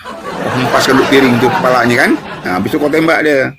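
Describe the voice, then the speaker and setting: A man talking fast and bluntly in a casual group talk, his voice in a middle range. Clear background noise runs under him. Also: mid-range voice, steady tone. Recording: noisy background.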